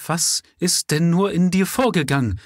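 A man's voice: on the high side, big pitch swings, fairly quick, breathy edge, no echo, clean studio sound, pitched above the performer's own voice, heavily acted. A man voicing a worried working-class mother who pleads in a trembling voice. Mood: anxious pleading. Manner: tremulous and pleading.

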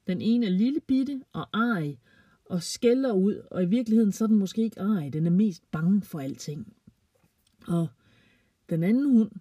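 A woman gently reading a children's story aloud, playfully voicing the characters. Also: mid-range voice, slightly rough, no echo, distant mic.

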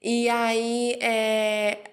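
Animated Brazilian woman telling her story. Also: drawn-out words. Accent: Brazilian Portuguese. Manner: animated, acts out quoted voices with jumps in pitch. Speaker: interview guest. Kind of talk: personal storytelling in conversation.

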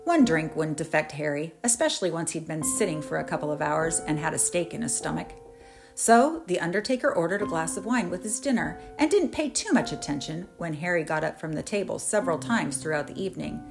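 A woman with a fairly low voice narrates a story with wry, dramatic timing. Clear music plays under her narration throughout. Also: animated, a little fast. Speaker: podcast host.

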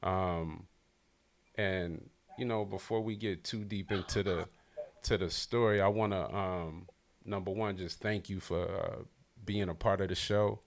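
A man's voice: low voice, steady tone, measured pace. Hyped, loose-talking male podcast host. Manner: loose, hyped, talkative with slang. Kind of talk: casual hip-hop podcast hosting. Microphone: livestream podcast setup.

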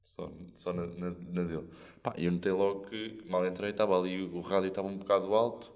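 A man's voice: low-pitched, fairly even intonation, brisk, darkish tone. A man with a European Portuguese accent, hosting a podcast and telling stories in a rambling, slang-filled way. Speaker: podcast host. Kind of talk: casual chat.

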